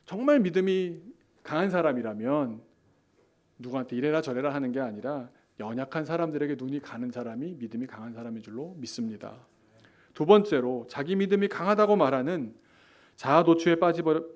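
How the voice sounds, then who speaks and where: A middle-aged man preaching a Sunday sermon to his congregation, who now and then bursts into loud, scolding example voices. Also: on the high side. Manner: acts out scolding voices with sudden loud outbursts. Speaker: pastor.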